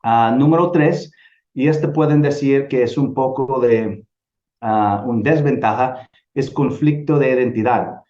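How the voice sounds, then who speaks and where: An earnest middle-aged Salvadoran man teaches a church group about missions, pausing and restarting phrases as he thinks, at a measured pace. His mellow, dark voice sits at medium pitch, and the recording sounds roomy and slightly dull.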